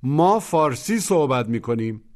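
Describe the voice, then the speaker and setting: A man's voice: mid-range voice, lively intonation, a little mellow. A man teaching a language course, giving patient step-by-step instructions for repetition drills. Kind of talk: explaining drills in Persian.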